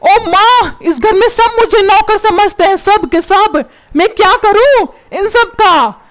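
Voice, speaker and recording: A woman voicing a high-voiced grumbling cartoon dad. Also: slow. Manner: grumbling and complaining. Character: put-upon grumbling father, called an old man.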